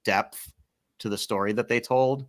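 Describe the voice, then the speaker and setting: A man's voice: fairly low pitch, fairly even intonation, a little slow. A man co-hosting a casual film podcast, talking loosely and filling his thoughts with "like" and "um". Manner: rambling, many likes and ums. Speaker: podcast co-host.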